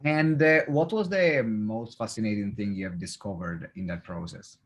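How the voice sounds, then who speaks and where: A man's voice: lowish voice, normal speed. A man whose first language is not English, hosting a podcast interview with curious, hesitant questions full of fillers. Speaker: podcast host.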